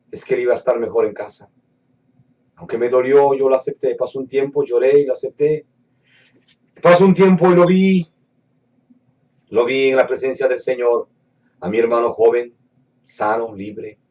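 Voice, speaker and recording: A man preaching a sermon, earnest, dropping to hushed low phrases and rising to emphatic declarations. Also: steady tone, normal speed, pauses often. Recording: muffled, somewhat distant mic.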